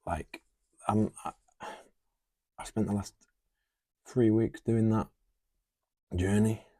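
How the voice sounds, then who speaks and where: A podcast co-host in his 20s muses aloud in casual, heartfelt conversation, speaking earnestly and talking through lists. His voice is fairly low, steady and mellow, his pace slow, and there's no room sound.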